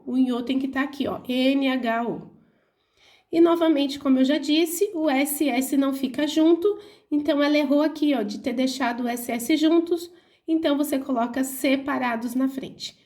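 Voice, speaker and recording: A young adult woman teacher with a Brazilian Portuguese accent, slowly and clearly explaining workbook answers to her pupils. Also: high voice, darkish tone. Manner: slow, clear, didactic, spelling out syllables. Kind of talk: reading and explaining a school workbook.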